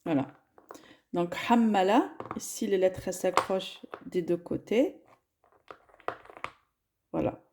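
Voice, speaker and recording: A woman's voice: lowish voice, takes it slowly, long pauses, background noise. A woman teaching a lesson, spelling words out syllable by syllable. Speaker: Arabic teacher.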